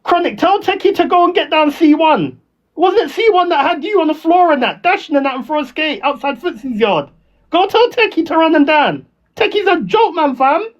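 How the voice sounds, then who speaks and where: On a livestream, a man with a London roadman accent and slang rants and trash-talks, taunting and confrontational, repeating himself. His voice is very high and expressive at a normal speed, captured in dull lo-fi audio.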